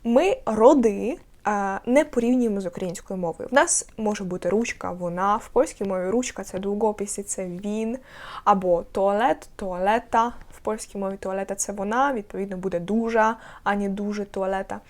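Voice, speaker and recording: Woman language tutor, patient explainer, repeats key words, slow deliberate example phrases. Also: mid-range voice, darkish tone. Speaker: Polish language teacher. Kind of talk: online language lesson.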